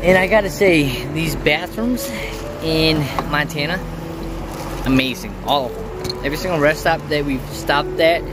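A man's voice: fairly high pitch, normal speed, very noisy. A man in his forties chatting casually into a handheld phone camera for his travel vlog, rambling with lots of uhs. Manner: easygoing, rambling with many uhs. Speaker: vlogger. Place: outdoors at rest stop and inside truck camper shell. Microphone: handheld phone camera at arm's length.

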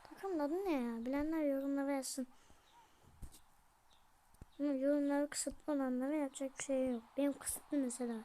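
A woman with a high, bright voice casually commenting on her football video game match. She talks to viewers, cheers goals and yells at her players. Faint noise hums behind her. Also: normal speed, long pauses. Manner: excitable, yells at the plays and jokes with viewers. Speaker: gaming channel host.

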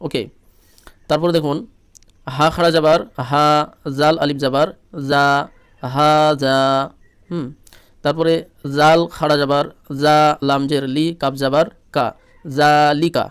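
A man's voice: on the high side, level tone, a little slow, pauses often, clear, resonant tone, no echo, clean studio sound. Patient Bengali man spelling out syllables. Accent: Bangladeshi Bengali. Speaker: Quran reading teacher. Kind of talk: spelling-drill lesson.

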